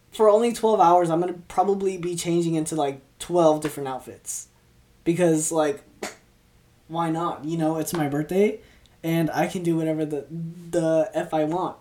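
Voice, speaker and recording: A woman's voice: fairly low pitch, mellow. A twenty-year-old woman hosting a solo podcast, rambling in casual chat, stumbling over her words in an upbeat way. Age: 20s. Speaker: podcast host. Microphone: podcast mic, also filmed for video.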